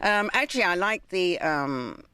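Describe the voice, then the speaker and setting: A woman with an English accent chats eagerly in a lively, expressive voice. She often repeats her answers as she warms to the talk. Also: on the low side, measured pace, smooth, no echo. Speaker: volunteer reader. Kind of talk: casual interview chat.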